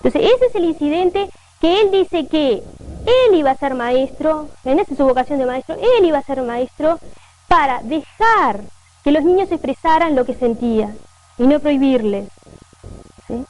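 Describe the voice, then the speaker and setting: A woman's voice: sits high, animated, moderate pace, a little mellow, rough recording. A woman from northern Uruguay with a Uruguayan accent, giving a conversational lecture to teachers, often checking in with her listeners. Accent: Uruguayan Spanish. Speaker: teacher educator giving a talk. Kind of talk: lecture with read-aloud quotations.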